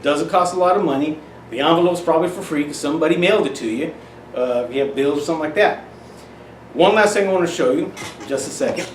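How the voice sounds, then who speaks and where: A man's voice: fairly high pitch, quick pace. A middle-aged man giving parents casual, folksy tips on teaching children numbers, often restarting his phrases. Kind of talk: casual instructional demonstration. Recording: roomy echo, off-mic, faint hiss.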